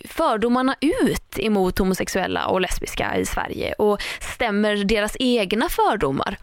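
A woman's voice: medium pitch, animated, no room sound, studio quality. A woman co-hosting a casual podcast chat, talking in a loose, rambling way with lots of fillers and restarts. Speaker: podcast co-host.

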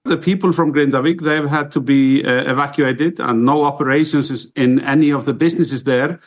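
A man giving an interview comment in a plain, halting way. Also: on the high side, steady tone.

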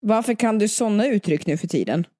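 A woman's voice: medium pitch, expressive, mellow, no room sound. Teasing woman co-host. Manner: teasing, playful interrupter. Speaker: podcast co-host. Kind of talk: casual chat.

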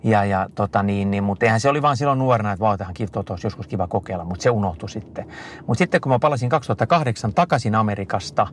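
A man's voice: lowish voice, slight background noise. A middle-aged man answering an interviewer in casual conversation, telling long rambling stories full of fillers and restarts. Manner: rambling, lively storytelling with many fillers and restarts. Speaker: interview guest, endurance skier.

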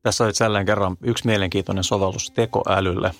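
A man's voice: low voice, fairly even intonation, dry recording. A man hosting a podcast who thoughtfully builds on his guest's point. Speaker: podcast host. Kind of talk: podcast interview, commenting.

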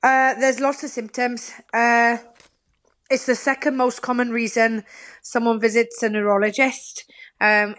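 Calling in to a radio show, this slightly high, somewhat bright-voiced woman from Lincolnshire, England, speaks with a Welsh accent. She's chatty and casual, fills her talk with ums, and laughs readily.

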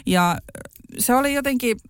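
A woman's voice: on the high side, animated, clear, resonant tone, no room sound, clean studio sound. A young woman on a podcast telling her own story in casual chat, candid, laughing often and swearing freely.

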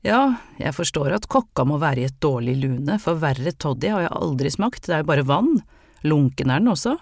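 A narrator voicing a refined, hoarse young lady. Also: mid-range voice, big pitch swings, no echo, studio quality. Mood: wry. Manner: polite and refined. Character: genteel young city lady, lonely, with a cough. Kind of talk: audiobook character reading.

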